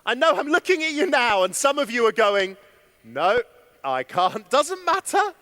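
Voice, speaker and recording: A man giving an animated conference keynote from a stage, chatting with and questioning his audience. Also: extremely high pitch, fairly quick. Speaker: keynote speaker. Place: stage in a large hall. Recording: long hall reverb.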